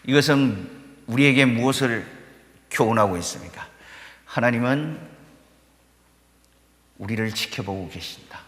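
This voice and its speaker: A man preaching a sermon as pastor of his church, building to fervent peaks and dropping low between them. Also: measured pace, long pauses, fairly bright tone. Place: church sanctuary. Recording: echoey church hall reverb.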